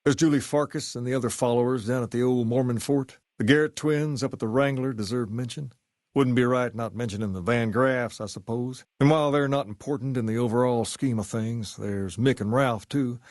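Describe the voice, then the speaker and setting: An actor playing an easygoing, self-assured gang leader styled as a rock-and-roll king in a video game, with folksy, colloquial, measured delivery. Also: medium pitch, darkish tone, dry recording, clean studio sound, lightly acted. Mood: relaxed, folksy. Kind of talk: scripted game character dialogue.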